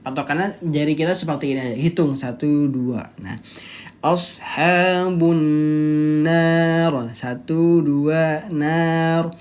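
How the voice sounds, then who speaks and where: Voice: mid-range voice, darkish tone. Patient teacher in a live online lesson. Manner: explains rules step by step and quizzes the students; draws out recited words slowly to demonstrate. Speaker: Quran recitation teacher.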